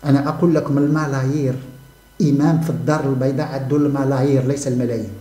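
A man's voice: medium pitch, flat delivery, very fast, mellow, roomy sound. A man with a Moroccan accent delivering an impassioned monologue, mocking and repeating himself as he speaks. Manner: fervent and mocking, repeats phrases, breaks into scornful laughter. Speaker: channel host giving commentary.

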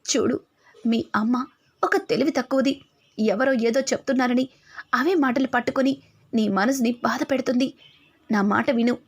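A woman's voice: fairly high pitch, steady tone, normal speed, long pauses, husky. A woman voicing a firm, reassuring older grandmother.

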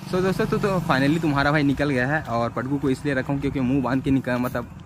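A man's voice: mid-range voice, fast, noisy background. A young man vlogging casually to his viewers, filming himself with a phone at arm's length outdoors in the countryside. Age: young adult. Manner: chatty, addresses viewers as friends and brothers. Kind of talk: casual vlog. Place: outdoors, rural fields and village lanes.

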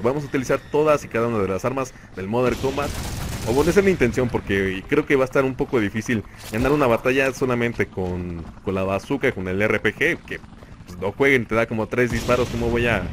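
A young man with a Mexican Spanish accent giving excitable play-by-play commentary on a shooter game, talking to himself and laughing often. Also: medium pitch. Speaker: gaming channel host. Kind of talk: live gameplay commentary. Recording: noisy game audio behind voice. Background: gunfire and game sounds.

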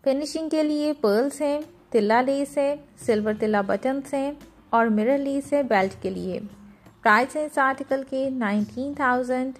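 A woman presenting a clothing collection, going through each piece's fabrics, trims and price in a steady, itemized way. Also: high voice, moderate pace. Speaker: fashion product presenter. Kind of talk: product walkthrough.

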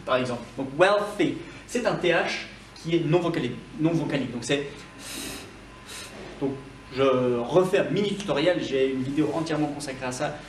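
A man teaching English vocabulary to French speakers in a video lesson, saying each word slowly and having the viewer repeat it. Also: mid-range voice, roomy sound, recorded from a distance, a little hiss or hum. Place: building with a corridor.

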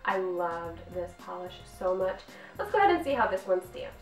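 This nail polish reviewer, a woman in her 30s, sounds very animated in a lowish voice at a moderate pace, bubbly and gushing throughout her upbeat vlog. Her home filming room is echoey, the mic distant, and faint music plays behind her.

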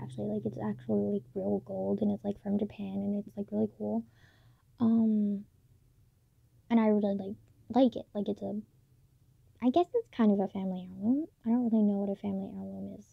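A late-teen girl records a late-night personal vlog in a dim bedroom, speaking softly in a hushed, gravelly, steady mid-range voice that halts often with fillers. A phone or camera's built-in mic sits close, giving a dull, dry lo-fi sound with no room echo.

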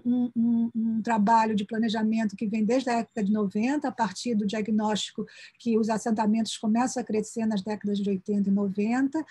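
A woman giving an academic conference presentation over a video call, peppering her sentences with little tag questions and restarting phrases as she rushes to finish in time. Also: a little high, a little mellow, slightly rough, dry recording. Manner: sprinkles "né" fillers and restarts mid-phrase; hurried toward the end of her time.

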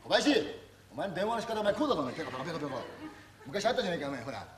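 An actor playing a gruff middle-aged TV production boss who berates his staff roughly and throws in insults all the time, in a stage comedy monologue. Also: on the high side, sing-song, rapid-fire, crowd noise. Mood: scolding. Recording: echoey stage recording from far off, noisy.

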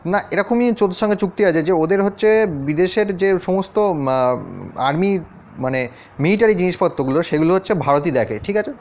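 A man's voice: high voice, brisk, a little mellow, slight background noise. A man teaching an exam-prep lesson over a map, talking straight to his students and checking in with them often. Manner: addresses students directly, often checks in with questions. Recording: dull, lo-fi sound.

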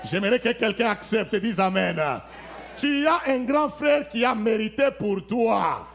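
A man's voice: sits high, expressive, measured pace, vocal fry, a bit bright. A man preaching a sermon at a church service. He preaches emphatically, with rhetorical questions and frequent amens, and shifts his voice to act out Bible scenes. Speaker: pastor.

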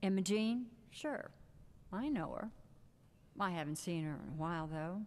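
An actress voicing a flirtatious lounge singer in a video game, with a low husky purr and breathy, teasing delivery. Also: female voice, expressive, normal speed, a little mellow, lightly acted. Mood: confiding. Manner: flirtatious and teasing, drops to breathy near-whispers. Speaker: bar singer character.

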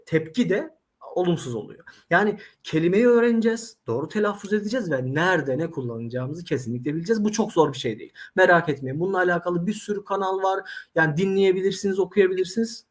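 A man who teaches Arabic, telling anecdotes animatedly in a casual interview and speaking straight to the viewers. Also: high voice. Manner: animated storyteller, addresses audience directly.

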